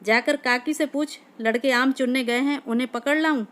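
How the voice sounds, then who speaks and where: A sullen, hurt young village man, as a woman reader puts him on, snapping back in curt, bitter retorts. He sounds touchy and worn down in this storybook reading. The voice sits a little high. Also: fairly even intonation, normal speed, fairly bright tone.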